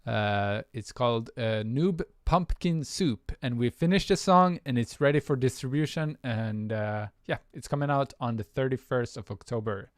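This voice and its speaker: A music producer with a Swedish accent chats loosely on his livestream, his mid-range voice moving at normal speed with few pauses. His talk is full of fillers and restarts, and the recording is dry and studio quality.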